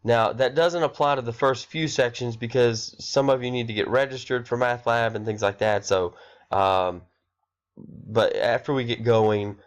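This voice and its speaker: A man's voice: mid-range voice, fairly even intonation, moderate pace. A man with a stuffy, nasal voice from a cold, recording a course overview for his students in a rambling way with many fillers and self-corrections. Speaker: math instructor. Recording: dull lo-fi recording.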